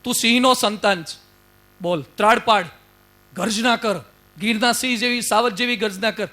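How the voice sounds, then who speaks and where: Man playing stern lion, commanding, high bright voice, spoken story. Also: moderate pace. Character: stern adult male lion, insistent father figure.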